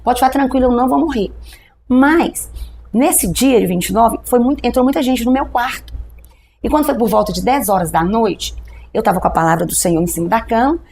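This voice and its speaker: A middle-aged woman pastor from Brazil tells her testimony in a podcast interview. She talks very quickly in a slightly high voice and acts out the dialogue of the people in her story. A faint hiss sits behind her. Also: gravelly. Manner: animated storytelling, acting out dialogue with a doctor.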